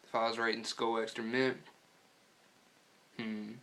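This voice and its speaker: An American man talks with his lip full of dip, chatting casually and profanely in a rambling, laid-back review and storytelling vlog, clearing his throat now and then. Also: medium pitch, flat delivery, unhurried, bright, forceful tone.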